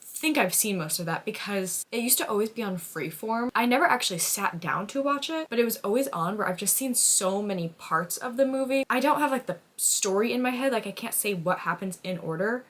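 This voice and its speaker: Fairly quick and medium in pitch, a young adult American woman vlogs about books, gushing expressively like a fangirl. "Like" pops up constantly in her casual chat.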